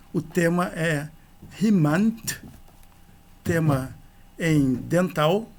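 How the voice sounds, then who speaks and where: A man teaching a grammar lesson, explaining forms one by one in a methodical, explanatory way. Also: on the high side. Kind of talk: slow grammar lecture.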